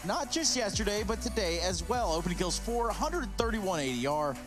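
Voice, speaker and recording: A man on a headset casting esports with energetic, playful hype. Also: high voice, normal speed, over music. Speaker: esports caster. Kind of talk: hype commentary.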